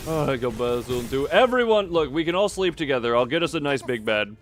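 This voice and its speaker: A man with a fairly high, sing-song voice does casual livestream commentary on a game at a brisk pace. He thinks aloud, rambling and often trailing off mid-sentence, while game music plays in the background.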